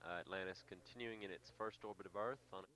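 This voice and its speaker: A man giving live spaceflight commentary from mission control in a measured, halting, factual way. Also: deep voice, sharp tone. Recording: dull lo-fi broadcast feed.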